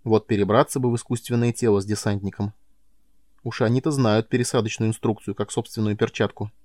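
Man playing a superstitious, cautious young man, hesitant, grudging, warm low voice, dry sound. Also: fairly even intonation, fairly quick, no room sound, natural voice.

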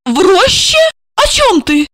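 A woman voicing a frightened, accusing young wife with a shrill, tearful manner. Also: sing-song, a little slow, fairly bright tone, no room sound, full character voice. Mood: horrified shrill.

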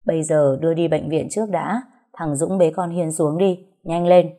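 A woman's voice: sits low, steady tone, moderate pace, warm tone. A woman voicing a stern old grandfather. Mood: commanding.

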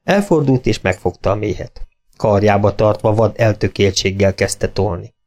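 Man narrating an audiobook steadily. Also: lowish voice. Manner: steady, measured storytelling. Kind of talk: scripted narration.

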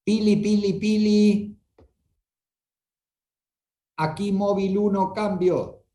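A man playfully mimics a police radio call, announcing himself as a unit and signing off with radio lingo. His voice sits a little high and sounds mellow. It echoes in a roomy space over a video call. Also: steady tone, very slow. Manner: joking, teasing. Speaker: sales course instructor. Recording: roomy echo.

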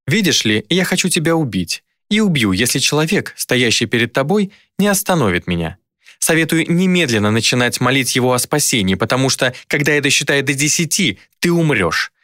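A man's voice: medium pitch, very animated, a bit bright, no room sound, clean studio sound, pitched above the performer's own voice. A man voicing a cruel, mocking female demon who taunts coldly. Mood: taunting. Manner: sneering, cold, unhurried taunts.

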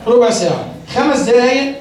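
A teacher trainer with an Egyptian Arabic accent and a very high, expressive voice lectures teachers on teaching children to read, talking a little fast. He explains step by step, keeps posing questions he answers himself, and the distant mic catches a very echoey classroom.

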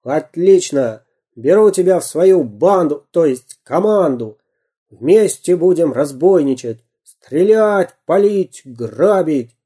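A storyteller voicing a boastful, gruff pirate captain in a storybook reading, blustering and barking. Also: medium pitch, animated, takes it slowly, dark tone, voice pushed up.

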